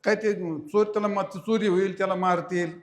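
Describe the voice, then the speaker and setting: Preacher guy doing a worried donkey in a fable, begging his pal to wake up, kinda high voice, echoey hall. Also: little pitch movement, normal speed, natural voice. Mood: pleading. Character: anxious dutiful male donkey.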